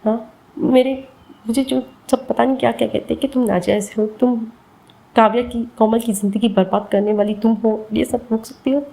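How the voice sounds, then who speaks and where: A wounded young daughter in a storybook tale, blunt and protective of her mother, as a female narrator puts her on. Her tone is gravelly and mellow. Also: fairly high pitch, fairly even intonation, normal speed, poor audio. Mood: pleading. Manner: blunt, pressing questions.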